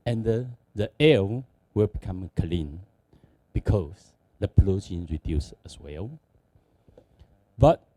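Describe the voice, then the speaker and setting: Speaking in halting non-native English with a Taiwanese accent, a company executive gives a conference presentation. He has a low voice with soft edges and highly animated intonation, recorded dry and close without echo.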